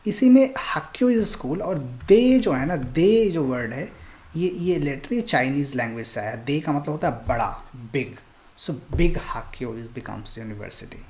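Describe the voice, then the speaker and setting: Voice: mid-range voice, animated, unhurried, a little mellow. A Korean language teacher giving a recorded online lesson, explaining patiently and reassuringly while switching between Hindi and English.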